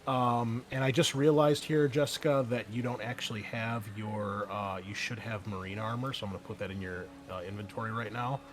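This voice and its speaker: A man acting as game master for a tabletop roleplaying game sets scenes and guides his players. He speaks informally in halting, hesitant phrases, his voice on the low side and his tone steady.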